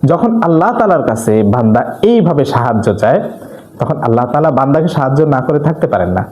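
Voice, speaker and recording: A man preaching a religious talk, earnestly urging listeners and slowly reciting Arabic supplications. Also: medium pitch, sing-song, darkish tone, roomy sound. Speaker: Islamic preacher.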